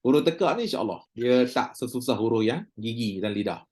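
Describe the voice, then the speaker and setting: Teaching a recorded recitation class, a man with a Malaysian Malay accent keeps things chatty and joking, drawing out sounds to model them in this casual lecture. His mid-range voice is expressive and dark in tone, and he speaks a little fast.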